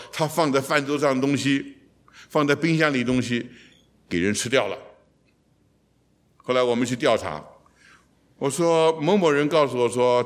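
A man in a mid-range voice walks his listeners through a Bible passage. He keeps the teaching lively, putting questions to the room and slipping in English phrases now and then. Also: medium pitch. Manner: lively, asks the audience rhetorical questions.

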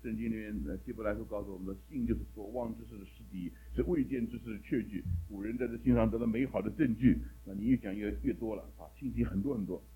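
A man's voice: fairly low pitch, fast talker, hardly any pauses, warm tone, a little hiss or hum, poor audio. A man teaching a Bible class in a sermon style, asking the class one question after another and mixing English words into his talk.

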